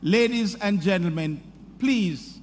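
A middle-aged man at a podium formally introducing a commencement speaker, reading a prepared script in a measured, sing-song delivery. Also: sits high, slight background noise. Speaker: university president introducing the speaker. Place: large hall, speaking at a podium. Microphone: podium microphone. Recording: hall reverb with faint ambience.

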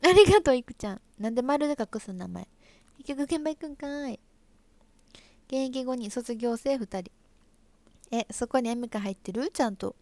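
A young woman with an Osaka accent hosts a casual live stream, chatting playfully and reacting to viewer comments. Her voice sits a little high. The sound is close and dry. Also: animated, moderate pace, long pauses, a little mellow, no echo. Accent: Osaka Kansai dialect. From Osaka, Japan. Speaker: livestream host and stage actress.

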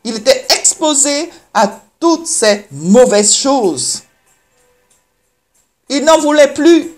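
A woman preaching a sermon in a slightly high voice, taking her time with every phrase. She reads scripture and presses her points with deliberate emphasis. Soft music plays faintly underneath. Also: lively intonation.

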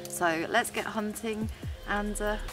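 A woman in her thirties, a vlog host and forager, chats casually to camera while hosting an outdoor vlog in the woods, enthusiastic and giggly. Her mid-range voice is steady and slow-paced, with loud music playing behind it.

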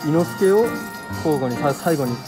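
A man's voice: a little high, expressive, moderate pace. A man chatting casually and politely in short reactive remarks while playing crane games. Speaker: crane game video player. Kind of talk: casual play-along chat. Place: game arcade, store exterior. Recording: loud arcade music behind.

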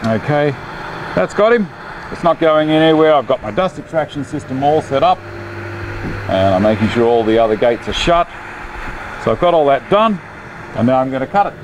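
A man's voice: medium pitch, moderate pace, pauses often, noisy background. Laid-back Australian man in his workshop. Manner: chatty, relaxed, with laughs and Aussie slang. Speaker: woodworking channel host. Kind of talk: casual workshop demonstration. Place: home woodworking workshop indoors. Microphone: lapel mic.

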